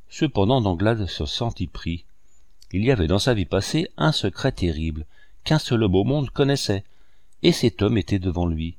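A man narrating a classic novel as an audiobook reader, in a measured storytelling way. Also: fairly low pitch, a little mellow, dry recording, clean studio sound.

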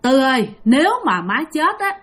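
A terrified old woman begs the same plea again and again in a raised, high voice, put on by a woman telling the story. She speaks with a loud, urgent push. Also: big pitch swings, normal speed. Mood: frightened pleading. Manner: repeats one pleading line urgently. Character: frightened old woman, paralysed and pleading.

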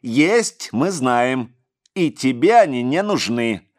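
Dude playing a flat hissy thug, slow and threatening, storybook villain. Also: male voice, medium pitch, voice pushed up. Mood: menacing. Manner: flat, hissing, menacing. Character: cold lipless gold-toothed male torturer, indifferent.

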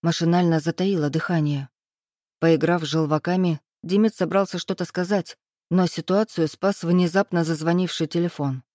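A woman reading a first-person novel aloud in a steady, even storytelling manner. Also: lowish voice, normal speed, no echo, studio quality. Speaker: audiobook narrator. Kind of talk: first-person scripted narration.

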